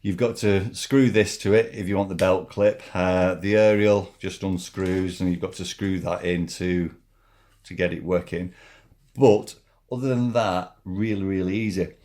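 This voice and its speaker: A man giving a casual, hands-on product review in an informal, halting way, repeating himself as he demonstrates. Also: sits low, fairly even intonation, darkish tone.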